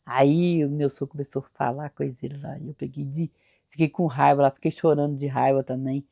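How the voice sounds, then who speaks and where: A woman's voice: extremely low pitch, fairly even intonation, fairly quick, gravelly, warm tone. An older woman from Brazil, telling memories of her youth in a folksy, repetitive way. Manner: folksy, repetitive, acts out quoted voices. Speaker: storyteller. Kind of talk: spoken life memories.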